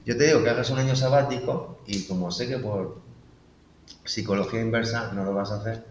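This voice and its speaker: A man's voice: on the low side, fairly quick. Reflective man, echoey room. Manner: reflective, uses quoted inner dialogue. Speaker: guest. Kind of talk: casual conversational interview. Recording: echoey room with faint noise.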